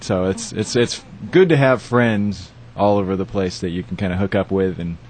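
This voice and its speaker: A man's voice: low voice, moderate pace, a little mellow, a little hiss or hum. A man, a touring musician, guesting on a radio show in the studio, wearing a headset and talking in a playful, boastful way with hip slang. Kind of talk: casual on-air chat.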